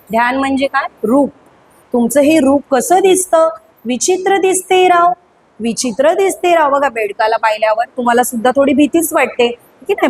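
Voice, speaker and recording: High-pitched lady teacher, sing-song poem then quick explaining, keeps asking the kids stuff. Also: poor audio. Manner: slow sing-song chanting, then brisk explaining with questions to children. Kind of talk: school poem lesson, sung then explained. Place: school classroom.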